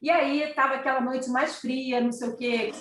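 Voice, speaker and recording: A woman's voice: high voice, steady tone, normal speed. A middle-aged woman with a Carioca accent giving an informal spiritual talk, telling everyday anecdotes in a conversational way. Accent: Carioca Portuguese. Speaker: spiritual speaker. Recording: roomy sound, distant mic.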